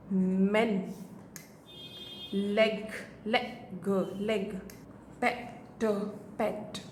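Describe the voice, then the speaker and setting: Slow, careful woman teaching phonics. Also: a little high, darkish tone. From India. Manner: slow, sounding out words letter by letter. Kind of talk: phonics lesson for parents. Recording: echoey room, faint noise.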